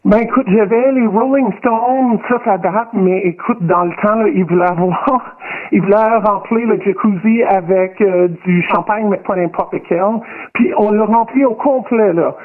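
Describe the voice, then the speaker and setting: A woman in her fifties with a Québécois accent, calling in to a radio show through a voice changer, chatty and mixing in English phrases. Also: measured pace. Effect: voice changer pitching her voice up. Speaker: anonymous guest caller. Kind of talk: casual radio phone chat. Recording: phone-line call.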